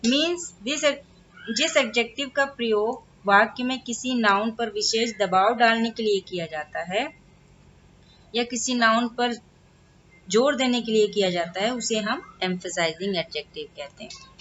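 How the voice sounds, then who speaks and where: Indian woman teacher, crisp bright tone, measured lesson delivery, faint background hiss. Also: fairly high pitch, highs cut off. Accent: Indian English. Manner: slow, spelled-out English, quicker Hindi explanations. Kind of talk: bilingual grammar lesson.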